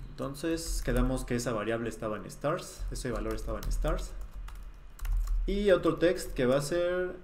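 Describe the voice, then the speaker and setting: A young man records a programming lesson from his desk, walking through his code step by step in a relaxed, thinking-aloud way. His voice sits at an ordinary pitch and rings a little in a bare, echoey room, with a faint hiss and keyboard clatter under it. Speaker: programming tutor. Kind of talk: screen-recorded coding tutorial. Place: small room at a desk, webcam. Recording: roomy echo, faint noise.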